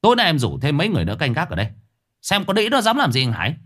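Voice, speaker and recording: A man playing a brash middle-aged uncle who talks loudly and bluntly. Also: mid-range voice, very animated, brisk. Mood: forceful. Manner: loud, blunt, coarse.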